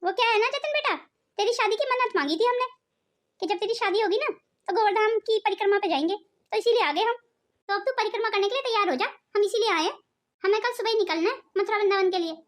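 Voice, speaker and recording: Meddling aunt voiced by a woman: mocking, gossipy, quick. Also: very high-pitched. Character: meddling middle-aged aunt, spiteful.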